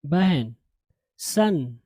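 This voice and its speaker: A man's voice: a little high, expressive, extremely slow, mellow, no room sound. A man teaching English vocabulary in a lesson, repeating each word and correcting common mispronunciations. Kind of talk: language lesson.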